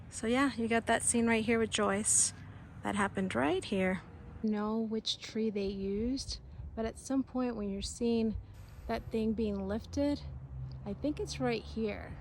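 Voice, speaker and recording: A woman's voice: fairly high pitch, gravelly, a little hiss or hum. A woman vlogger giving a casual walking tour of film locations outdoors, talking tentatively and thinking aloud as she points things out. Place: outdoors on a residential street.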